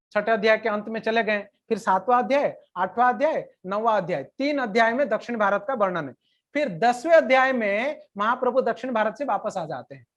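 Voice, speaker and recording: A woman's voice: a little high, dull audio. Woman giving a chatty devotional lecture. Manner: plain conversational retelling, now and then reciting verse slowly. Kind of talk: storytelling religious lecture.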